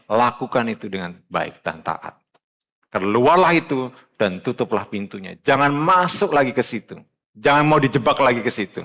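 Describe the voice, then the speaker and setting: A male pastor preaching a sermon to his congregation in a church, talking to them directly in a colloquial way and swinging from low earnest tones to loud raised exhortation. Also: gravelly.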